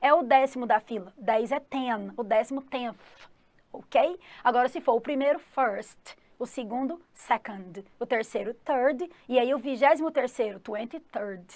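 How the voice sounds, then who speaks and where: A woman's voice: fairly high pitch, normal speed, darkish tone, no room sound. A woman with a Brazilian Portuguese accent, an English teacher giving an upbeat exam-prep lesson who often checks in with her students and speaks of herself as the teacher. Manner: calls herself 'the teacher' in third person.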